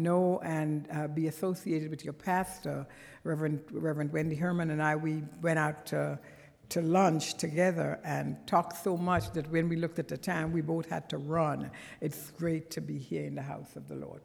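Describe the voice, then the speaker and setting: A woman's low, slightly mellow voice with vocal fry carries a Trinidadian accent as she, a guest from Trinidad, preaches conversationally in a church sanctuary. Earnest, emphatic bursts break through, and the recording has long church reverb.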